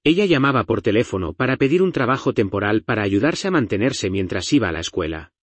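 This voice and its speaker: A man from the United States gives a Bible lecture in a husky voice that rises and falls with lively pitch. He talks in a conversational, explanatory way, full of asides. The sound is dry and close, with no room echo. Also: fast talker. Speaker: Bible teacher.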